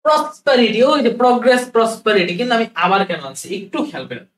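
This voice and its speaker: A man's voice: very high voice, big pitch swings, fast, fairly bright tone, distant mic. Man, classroom lecture, repeats words, checks understanding, roomy echo, off-mic. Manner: explains step by step, repeats key words, asks "ঠিক আছে?". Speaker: English vocabulary teacher.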